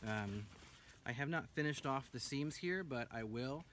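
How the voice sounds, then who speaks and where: Expressive and a bit bright, this medium-pitched male voice moves at a measured pace, with a little hiss or hum picked up by a camera several feet away. He's a thirtysomething American sitting in the forest, eagerly presenting and reviewing the pack he built, talking casually and umming a lot.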